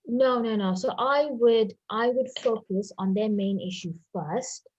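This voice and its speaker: A woman teaching a medical history-taking session, speaking in a clear, instructive way and repeating her key points. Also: a little high, a little slow, darkish tone, lo-fi sound. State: voice a bit off.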